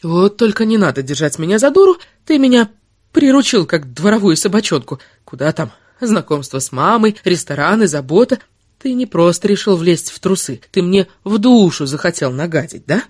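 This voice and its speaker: A woman's voice: lowish voice, sing-song, moderate pace, breathy edge, dry recording, clean studio sound, pitched above the performer's own voice. A woman voicing a furious, sarcastic young woman who hurls insults in an audiobook. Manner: shouting insults, biting sarcasm.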